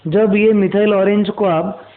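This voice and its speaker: A high-voiced man lecturing students on chemistry. He repeats key terms, spells words out and asks rhetorical questions as he goes. The sound is thin and tinny, like a phone line. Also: steady tone, measured pace. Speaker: chemistry teacher. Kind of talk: classroom lecture.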